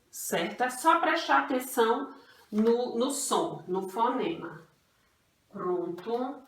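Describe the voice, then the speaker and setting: A Brazilian woman teaching an online grammar lesson to young children, patient and repetitive, calling herself "tia". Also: fairly high pitch. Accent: Brazilian Portuguese. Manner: patient, refers to herself as "tia", repeats rules slowly. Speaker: primary school teacher. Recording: echoey room, voice from a distance.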